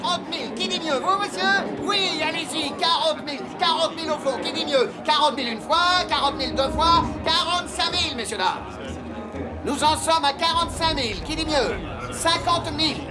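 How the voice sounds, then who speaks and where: An actor playing a brisk, formal auctioneer who calls out and repeats rising bids in a drama. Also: sits high, expressive. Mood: urging. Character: brisk auctioneer at an antiques sale. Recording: background music and murmuring auction crowd.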